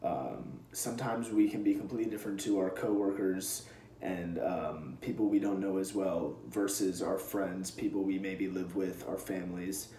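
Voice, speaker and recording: A young man talks earnestly through a class presentation, stopping often on ums. His voice sits very low. The small room gives it a roomy ring, with a faint hiss underneath. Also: normal speed, mellow. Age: young adult. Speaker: student presenter. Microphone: camera close in front.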